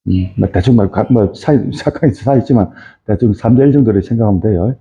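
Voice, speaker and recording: Man, middle-aged, lecturer, informal, rambling with tag questions, fairly low pitch, thin lo-fi audio. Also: fast, dark tone, slight background noise. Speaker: fisheries science lecturer. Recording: tinny phone-like audio.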